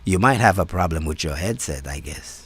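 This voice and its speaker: Deep-voiced man hosting a live call. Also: lively intonation, a bit bright, slightly rough. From Haiti. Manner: halting, repeats words and restarts often. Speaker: host and community organizer. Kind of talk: live-stream conversation. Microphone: phone or call setup.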